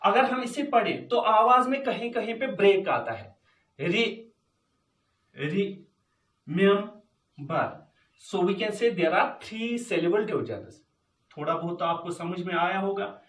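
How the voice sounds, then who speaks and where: A man teaching a punctuation lesson, slowly repeating words as he switches between English and Hindi. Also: high voice, expressive, fairly bright tone, recorded from a distance. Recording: echoey room, voice from off-mic.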